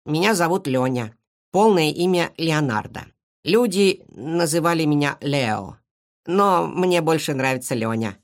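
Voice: medium pitch, lively intonation, unhurried. A storybook reader voicing a modest young male hedgehog who talks plainly.

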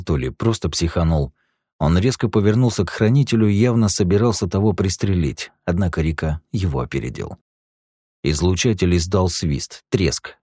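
A man narrating an action audiobook in a steady storytelling manner. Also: low-pitched, breathy edge, no room sound, clean studio sound.

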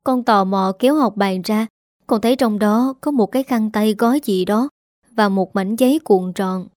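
A woman's voice: medium pitch, normal speed, darkish tone, dry recording, close to an everyday voice. Storybook daughter, young and remorseful, pleading, read by a woman in her own voice, dry close sound. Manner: pleading, apologetic.

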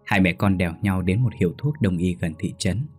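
Deep husky male storyteller. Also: brisk. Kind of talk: scripted narration of a ghost story. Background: faint music.

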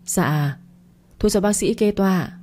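A woman narrator voicing a courteous, brisk young female hospital doctor. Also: mid-range voice, dark tone, a little hiss or hum, close to an everyday voice.

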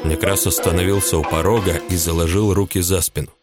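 A man narrating a novel as an audiobook in an expressive storytelling read. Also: sits low, brisk, over music.

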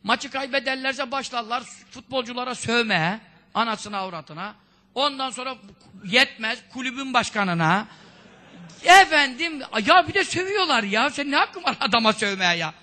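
A man preaching a conversational sermon, firing off rhetorical questions, scolding in a lively way and quoting Arabic sayings. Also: very high-pitched, moderate pace. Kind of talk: religious sermon talk.

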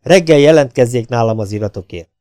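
A curt, icy dictator giving orders in short, stern phrases, as a male reader puts him on. The voice is dark and mellow, and the close recording is dry and dead. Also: mid-range voice, lively intonation, no echo, natural voice. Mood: cold commanding. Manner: clipped, stern commands.

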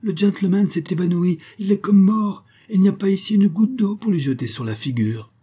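A man reading aloud and voicing an eager, quick-talking little foundling boy in a storybook. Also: medium pitch, mellow, slightly rough, pitched above the performer's own voice, natural voice. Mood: shrill, alarmed.

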